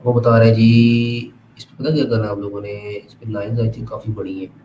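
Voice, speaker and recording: A man's voice: lowish voice, flat delivery, a little fast, mellow, dull audio. A man showing his work in class, reading English lines aloud and addressing the teacher as sir. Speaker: student. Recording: echoey room, clear background noise.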